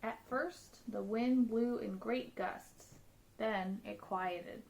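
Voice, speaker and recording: A woman acts as a storyteller, reading a children's picture book aloud with an expressive, dramatic delivery. Her voice is fairly high-pitched and gravelly, and she reads slowly.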